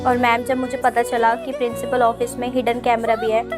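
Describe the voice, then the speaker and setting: A woman in the role of a mother confessing to swapping answer sheets, speaking in a flat, confessional way. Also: a little high, fairly quick, over music, close to an everyday voice.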